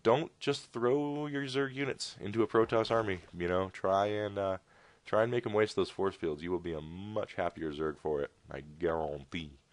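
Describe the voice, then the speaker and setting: A man's voice: fairly low pitch, moderate pace, dry recording. A man casting a strategy game replay in a casual, rambling way with jokey asides. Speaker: game caster. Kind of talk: casual video game commentary.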